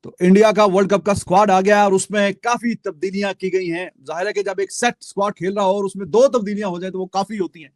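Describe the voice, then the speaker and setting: A male host from Pakistan with a high, bright voice walks through cricket squad news. He sounds steady and explanatory, and the recording is dry and close. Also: fast talker, hardly any pauses, no room sound. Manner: steady explanatory, mixing in English phrases. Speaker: show host.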